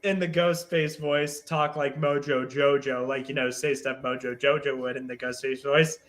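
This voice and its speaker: A man's voice: medium pitch, level tone, moderate pace, fairly bright tone. A man co-hosting a casual cartoon podcast, sharing facts in a chatty way, with lots of "like". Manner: chatty, gives facts with many likes. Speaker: podcast co-host.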